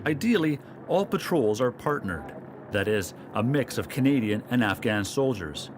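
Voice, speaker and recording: A man reading scripted documentary narration in a calm, measured way. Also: medium pitch, noisy background.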